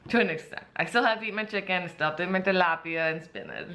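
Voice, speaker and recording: An enthusiastic woman vlogger with a bright, forward voice that sits a little low. She chats casually and eagerly, and her words carry a slight lisp from the clear aligners on her teeth. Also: fast. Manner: upbeat, enthusiastic, chatty. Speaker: vlogger, bikini competitor. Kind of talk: casual vlog talk.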